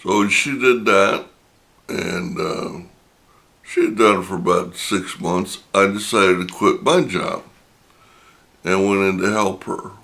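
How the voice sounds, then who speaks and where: Slow and reflective with many pauses, an older man hosting a channel tells his viewers a personal story. His voice is deep and gravelly, a bit bright, and a touch raspy from a long stretch of talking.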